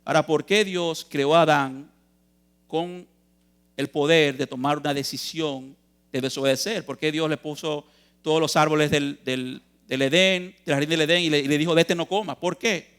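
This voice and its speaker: Man, youth preacher, emphatic sermon, fairly high-pitched voice, rhetorical questions. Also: steady tone, normal speed, a bit bright, clear, resonant tone. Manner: earnest, emphatic, asks and answers questions; addresses listeners as brothers. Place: church youth meeting.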